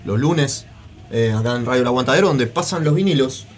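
A man's voice: mid-range voice, expressive, fairly quick. A man co-hosting a casual radio talk show, chiming in with short remarks about old bands. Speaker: radio co-host.

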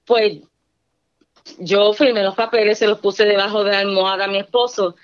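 A middle-aged woman speaks with fervent conviction as she gives a church testimony. Her voice sits at an ordinary pitch, and she keeps turning to her listeners as she talks. The recording sounds dull and lo-fi. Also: fairly even intonation, moderate pace. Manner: earnest, fervent, often adding "¿verdad?".

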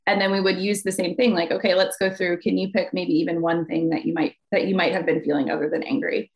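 A woman mental health counselor, a podcast guest, explaining calmly and walking through worked examples. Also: lowish voice, quick pace, muffled recording. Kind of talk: podcast conversation.

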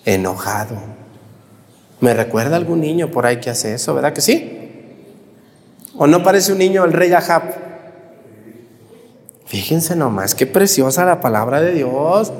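A man with a Mexican accent preaching a sermon, animated, asking the congregation questions and answering them himself. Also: fairly high pitch, a little slow, long pauses. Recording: long hall reverb.

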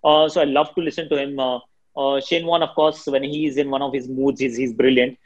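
A fast, energetic talker with a shrill voice, this Indian-accented cricket commentator from Delhi, whose first language is Hindi, is answering interview questions. The sound is muffled.

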